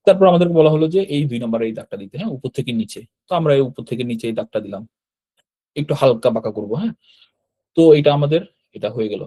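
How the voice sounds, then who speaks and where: A man teaching an online lesson on writing characters step by step. He talks patiently, repeats each stroke, and often checks in with a quick "yes". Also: mid-range voice, animated, dark tone. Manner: patient, repeats steps, frequent "hyaan" checks. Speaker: Japanese language teacher. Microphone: computer mic while drawing with a mouse.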